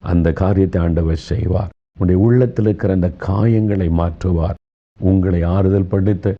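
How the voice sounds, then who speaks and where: A man's voice: low voice, lo-fi sound. A man with a Tamil accent preaching an earnest, consoling sermon as a pastor.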